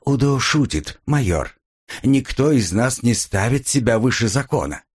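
A man voicing a composed aristocratic hostess who smooths things over. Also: medium pitch, unhurried, voice pushed up. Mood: soothing. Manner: calm, placating.

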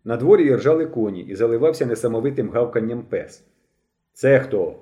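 A man reading a novel aloud as an audiobook narrator, with an expressive, dramatic delivery. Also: mid-range voice, fast talker.

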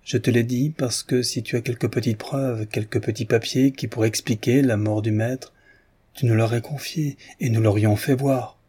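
A man reading aloud, voicing a sly, calm peasant woman who speaks quietly and insinuatingly. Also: mid-range voice, normal speed, breathy edge, natural voice. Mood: falsely humble.

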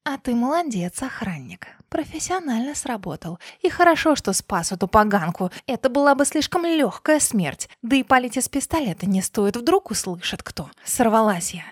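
Woman doing a high, vicious young killer. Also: no room sound, clean studio sound. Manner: sugary and bright, then snarling and shrieking. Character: young woman, sweet timid guest turned vicious killer.

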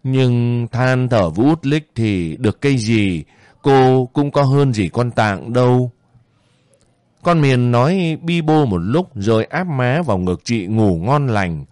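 Brief: male storyteller, measured scripted narration, mid-pitched. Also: lively intonation, a little mellow, dry recording, clean studio sound.

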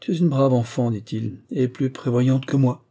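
A man's voice: medium pitch, moderate pace, mellow, lightly acted. A man voicing a fond, jovial prince and father, hearty and commanding. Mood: tender.

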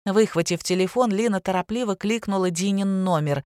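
A woman narrates a novel in an even, measured way. Her voice sits at a middle pitch. The recording is dry and close, with no room echo. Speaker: audiobook narrator. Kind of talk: scripted narration.

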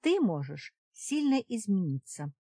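A woman voicing a blunt young witch who studies necromancy, in an audiobook reading, speaking brisk and matter-of-fact. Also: mid-range voice, big pitch swings, warm tone, no echo, clean studio sound. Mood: grim.

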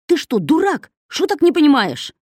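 A woman voicing a petty male pickpocket in an audiobook, whining and yelling in coarse slang. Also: medium pitch, very animated, moderate pace, slightly rough, no echo, studio quality. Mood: angry. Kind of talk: audiobook character voice.

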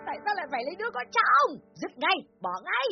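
A woman voicing a domineering older mother in a dramatized audiobook, scolding sharply. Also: very animated. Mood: furious scolding. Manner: scolding, shrill, rapid-fire. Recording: dull lo-fi with faint music.

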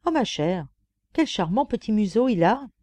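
Storybook lapdog voiced by a female reader: gossipy, pampered, confiding; mellow tone, close dry mic. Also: mid-range voice, sing-song, normal speed, no echo, natural voice. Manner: chatty, confiding, mocking. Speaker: audiobook reader. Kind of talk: audiobook narration.

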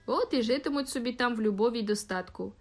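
A woman's voice: on the high side, quick pace, faint music behind. A woman doing a chiding old grandfather. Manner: chiding, gruff. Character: old grandfather James, scolding.

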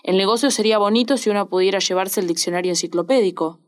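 A woman's voice: medium pitch, fast, close to an everyday voice. A woman with a Rioplatense accent reading the lines of an easygoing young male thief who talks in casual slang. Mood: offhand. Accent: Rioplatense Spanish.

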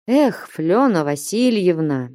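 A woman voicing a downcast young village man who answers reluctantly, low and with sighs. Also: lively intonation, a little slow, a little mellow, no room sound, studio quality, lightly acted. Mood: glum.

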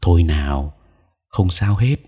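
A man voicing an old village grandmother who reassures gently. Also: deep voice, animated, a little slow, slightly rough, heavily acted. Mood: reassuring.

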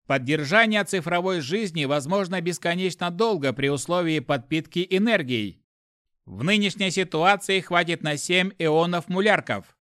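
A man reading a science fiction audiobook, putting on the voice of a cold, detached onboard ship computer that announces in a flat, emotionless tone. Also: sits high, moderate pace, clean tone, dry recording, clean studio sound, voice pushed up. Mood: cold, announcing.

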